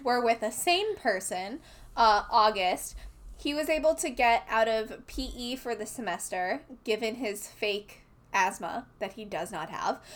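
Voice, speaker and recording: Chatty woman recapping a novel. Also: on the high side. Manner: chatty, laughing, summarizing chapters. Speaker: podcast co-host. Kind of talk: casual book podcast recap.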